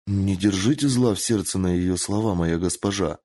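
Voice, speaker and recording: A man voicing a timid young female servant who murmurs softly and meekly. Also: sits low, normal speed, no echo, studio quality. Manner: soft, meek, murmuring.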